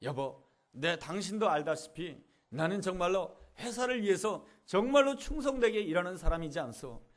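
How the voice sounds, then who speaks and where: Pastor doing a fired husband, indignant and pleading, voice pitched up high. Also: male voice, big pitch swings, moderate pace. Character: laid-off husband, bitter and despairing man.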